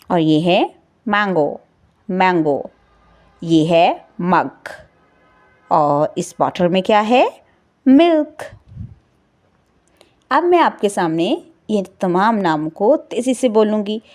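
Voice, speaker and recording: A woman teacher talks to little kids in an extremely slow, drawn-out way. Her voice sits at an everyday middle pitch. She leans on key words with a sing-song emphasis. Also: lively intonation, a little mellow. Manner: prompts and praises children. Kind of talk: recorded classroom lesson.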